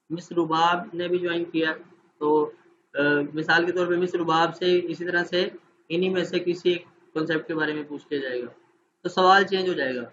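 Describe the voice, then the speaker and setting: A man's voice: a little high, fairly bright tone, highs cut off, a little hiss or hum. A man training teachers in an online class, explaining steps patiently and often checking that his listeners follow.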